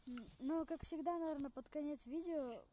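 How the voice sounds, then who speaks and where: A woman's voice: high-pitched, normal speed. A woman hosting a casual gaming chat, talking in a teasing, playful way. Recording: loud background noise with clicks.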